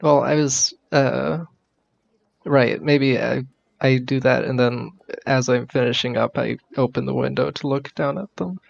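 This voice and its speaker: Slow, gravelly male tabletop player. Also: medium pitch, no room sound. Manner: hesitant. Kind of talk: casual game chat. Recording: dull, lo-fi voice sound.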